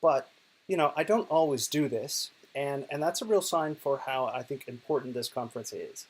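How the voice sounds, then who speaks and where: Lying in bed in his bedroom while ill, a middle-aged digital poet and professor from Oklahoma, United States, talks about his work in a self-recorded video. He has an American accent and a medium-pitched, expressive voice at a moderate pace, and his casual, chatty talk is full of fillers and restarts.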